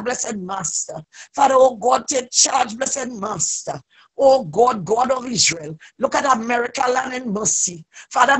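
Pleading in a raspy, somewhat high voice, a woman offers an impassioned, off-the-cuff church prayer with repeated invocations that build to loud cries. The audio quality is poor.

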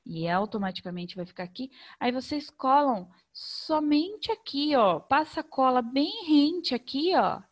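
Sing-song Brazilian woman teacher. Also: on the high side. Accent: Brazilian Portuguese. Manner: sing-song, slow and over-articulated for children. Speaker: primary school teacher. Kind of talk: remote lesson for young children.

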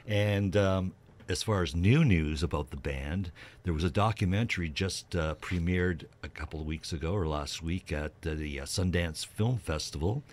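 On a radio show, a male co-host talks casually about music at a moderate pace. His voice is low-pitched, and his explanations come out informal and a bit hesitant.

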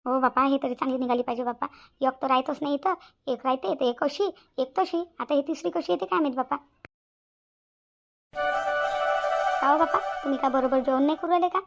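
A woman voicing cartoon characters in a fast, chatty, complaining way. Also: high-pitched, fairly even intonation, gravelly, soft background music. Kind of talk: Marathi cartoon voice acting.

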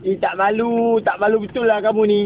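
A man's voice: high-pitched, level tone, brisk. A man with a northern Malaysian Kedah accent, scolding and taunting in a preachy mock-sermon style of street talk. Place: inside a vehicle. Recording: tinny phone-like sound, vehicle noise.

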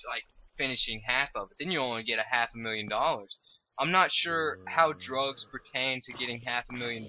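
On a low-quality recording, a tired, stoned young man with a sharp, medium-pitched voice gives casual let's-play commentary. He rambles, swears freely, and keeps losing his train of thought.

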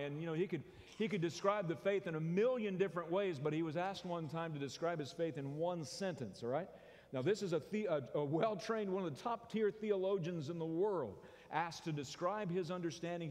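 A pastor with an Oklahoma American accent delivering a folksy, conversational sermon with call-and-response. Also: male voice, fairly high pitch, darkish tone. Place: large church sanctuary. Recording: long church-hall reverb.

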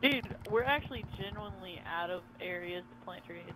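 A man's voice: high-pitched, fairly quick. A young man co-hosting a casual gaming chat, teasing and joking, laughing often. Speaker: co-host. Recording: noisy background.

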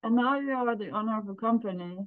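A woman in her forties hosting a casual interview over a video call, gushing and warm, often pausing to search for words. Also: on the high side, dry recording. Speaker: podcast host. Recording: dry, muffled video call audio.

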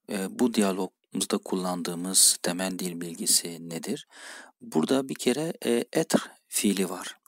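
A low, gravelly male voice walks through a language lesson at an even, patient pace. He reads each dialogue line out and then translates and explains it. The sound is dry and close, with no room around it. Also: no room sound. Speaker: French teacher.

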